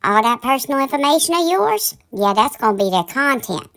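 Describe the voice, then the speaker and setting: Her voice sits high with big pitch swings, a fairly quick pace and a gravelly yet fairly bright tone. A woman hosting online drama commentary, she serves up casual gossip in a campy, sassy drag-queen style, folksy and colloquial, calling everyone darlings.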